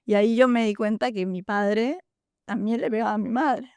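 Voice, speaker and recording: Young woman, halting, confiding, dry close sound. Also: on the high side, darkish tone, no echo. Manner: halting and confiding, many restarts and "¿sabes?". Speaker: podcast host. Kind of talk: personal storytelling in a podcast conversation.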